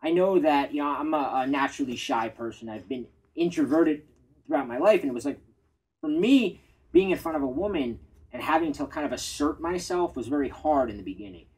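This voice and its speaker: A man giving dating advice in a measured, reflective casual chat. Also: fairly high pitch, sing-song, a little mellow, slightly rough, low-quality recording. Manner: measured, reflective, self-disclosing. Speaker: dating coach.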